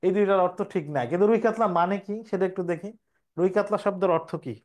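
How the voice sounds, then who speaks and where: A man's voice: high voice, steady tone, fast, darkish tone. A young man, teaching an exam preparation class and explaining step by step, repeating each question before answering it.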